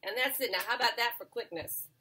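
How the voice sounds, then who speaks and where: Chatting to her viewers mid-recipe, a woman in her forties hosts a relaxed cooking show in a small home kitchen, with fillers and self-corrections throughout. Her pitch is fairly high and her pace fast, and the camera mic a few feet away picks up background noise and clattering pans.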